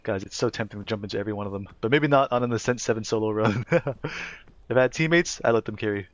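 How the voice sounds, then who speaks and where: A man's voice: on the low side, quick pace, dry recording, dull audio. A man casually commentating a video game live as a streamer, chatty and playful with his chat.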